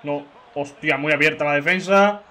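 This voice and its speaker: A young man from giving excitable, chatty football video game commentary, shouting at big chances. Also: fairly high pitch, normal speed. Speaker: gaming YouTuber. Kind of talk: let's-play commentary.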